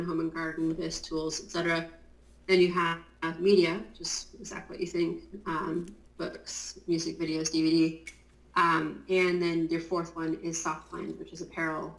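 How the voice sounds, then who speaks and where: A woman in a casual interview explaining Amazon compliance work. She talks in a chatty, explanatory way with many fillers, in her just-woken morning voice. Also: fairly low pitch. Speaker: guest, Amazon compliance consultant. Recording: roomy echo.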